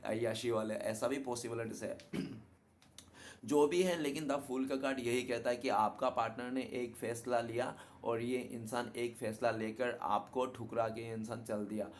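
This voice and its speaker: A man's voice: mid-range voice, steady tone, normal speed. A man giving a casual tarot card reading to his viewers in a chatty way, often adding a tag question to check they follow. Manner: chatty, repeats "ठीक है ना" as a tag. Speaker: tarot reader.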